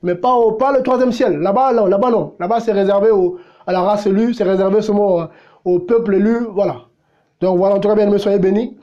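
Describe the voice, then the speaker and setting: A man's voice: high voice, steady tone, fairly quick, dark tone, muffled recording. A pastor delivering a blunt, confrontational sermon, firing rhetorical questions at his listeners. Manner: blunt and unpolished.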